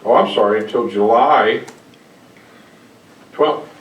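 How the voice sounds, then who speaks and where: A man's voice: medium pitch, slow. Hesitant man in an echoey chamber. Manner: hesitant, correcting himself. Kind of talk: council meeting remarks. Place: council chamber. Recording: echoey chamber, distant mic.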